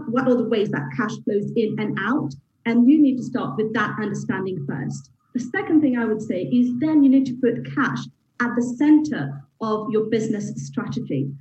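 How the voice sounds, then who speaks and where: A woman's voice: a little high, dark tone. A woman accountant on a panel, explaining her points in order over a video call. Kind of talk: panel discussion. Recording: dull roomy video call audio from far.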